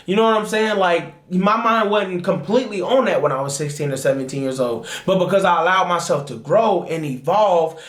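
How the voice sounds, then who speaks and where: A man in his 20s from Dayton, Ohio, USA, the host's husband, joins as a guest for a casual chat, speaking with passion and often asking "you know what I'm saying." His high-pitched, slightly bright voice is brisk with few pauses, and the sound is reverberant.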